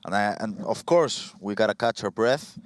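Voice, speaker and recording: A man commentating live on an esports football match, talking fast and getting excited as the play builds. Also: lowish voice, dry recording. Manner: excitable, rises to shouts at big moments.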